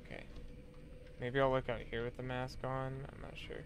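A man streaming a game playthrough in a mid-pitched voice, talking casually to himself. He hesitates often, with lots of ums and small self-corrections, and a faint hiss of noise sits behind him. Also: flat delivery, moderate pace, creaky.

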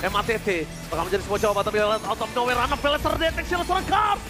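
A man with a very high, excited voice calls an esports match in a hyped fighting-game announcer style. He talks extremely fast and draws out his shouts. Loud music plays behind his commentary.

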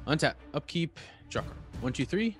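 A man's voice: on the high side, sing-song, moderate pace, soft background music. A man playing a card game who calls out his plays plainly and laughs often. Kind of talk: casual gameplay chat.

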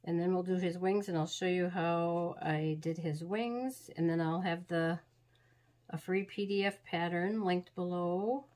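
Here the host's voice is fairly low and darkish, with fairly even intonation and an unhurried delivery. She's a woman running a craft tutorial indoors at her crafting table, chatting homily and rambling through each step while a little sniffly from being sick.

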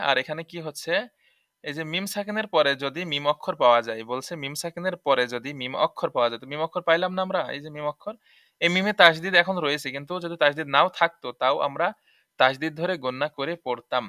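A man's voice: a little high, pushed and bright, no room sound, clean studio sound. A man teaching tajweed rules, explaining patiently and repeating each point to check understanding. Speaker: Quran recitation teacher.

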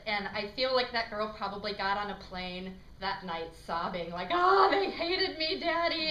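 A woman's voice: medium pitch, sharp tone. Chatty woman telling a comic story. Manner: chatty storytelling with many ums. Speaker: improv performer. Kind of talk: comic monologue. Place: small improv theater stage. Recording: echoey stage from far off, faint noise.

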